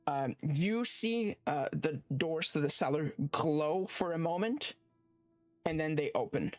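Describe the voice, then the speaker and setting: A man's voice: fairly high pitch, lively intonation, soft background music. A man running a tabletop game as game master, narrating with many fillers and restarts. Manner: halting, lots of fillers and restarts.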